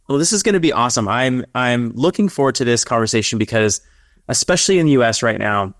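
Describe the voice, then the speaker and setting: A man's voice: mid-range voice, dry recording. Give me an upbeat male podcast host with a dry, close sound. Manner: upbeat, quick bursts of speech. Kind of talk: podcast interview hosting.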